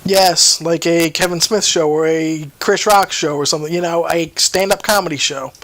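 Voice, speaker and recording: A man co-hosts a loose podcast chat, rambling through stories with plenty of restarts. His voice sits high. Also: fairly even intonation, normal speed, a bit bright. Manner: chatty, rambling storyteller with many restarts. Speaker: podcast co-host. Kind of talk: casual chat.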